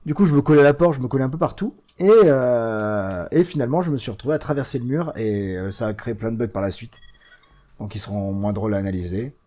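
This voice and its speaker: A man hosts a let's play, chatting casually as he plays and pokes fun at the game. His mid-range voice is full of hesitations, then leaps up in pitch and loudness when he gets worked up. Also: quick pace. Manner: chatty, mocking, frequent hesitations; lively swings in pitch and loudness. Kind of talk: casual gameplay commentary.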